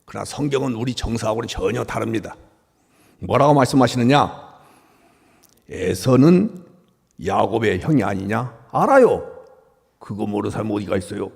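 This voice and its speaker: A male pastor delivers a sermon in a church sanctuary, dropping to hushed murmurs and then rising to loud, high exclamations. His voice is gravelly and husky, with a very lively pitch, and long hall reverb hangs on every phrase. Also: moderate pace, long pauses. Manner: dramatic swings from soft murmurs to loud exclamations; acts out quoted speech of God and the people.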